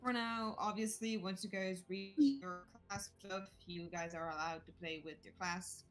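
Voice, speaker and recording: A woman's voice: mid-range voice, unhurried, soft background music. A woman running a tabletop game as game master, teasing her players, laughing often and calling them honey. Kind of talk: casual tabletop game chat.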